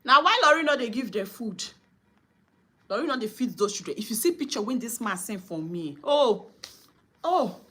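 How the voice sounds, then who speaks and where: A woman's voice: on the high side, animated, a little fast, pushed and bright, a little hiss or hum. A Nigerian woman vlogger giving indignant, scolding commentary, mixing English and Pidgin.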